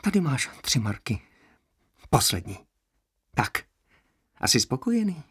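A man's voice: mid-range voice, sing-song, slightly rough, no echo, studio quality, voice pushed up. A man voicing a whining, anxious male prisoner who haggles and complains plaintively. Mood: grumbling.

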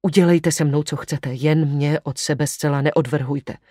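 An infatuated young man from an audiobook, pleading in excited bursts, as the reader puts him on. The sound is dry and close, with a medium pitch. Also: dry recording, close to an everyday voice. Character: feverish, devoted young man. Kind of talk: audiobook character reading.

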